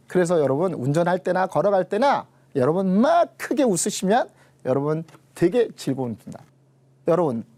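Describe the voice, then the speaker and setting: A middle-aged man giving a lively lecture, often turning to the audience and acting out what others said. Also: sits high. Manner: animated, addresses the audience often, acts out quoted people.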